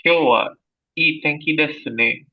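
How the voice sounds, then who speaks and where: A man's voice: fairly high pitch, takes it slowly, husky, narrow, tinny audio. A man answering tentatively as a student in an online class.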